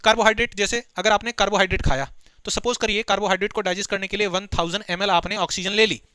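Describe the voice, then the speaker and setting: A man teaching biology for an exam, explaining step by step, asking students quick questions and mixing in read-out English textbook lines. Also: sits high, fairly even intonation, pushed and bright, smooth, no room sound. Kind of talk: exam-prep lecture.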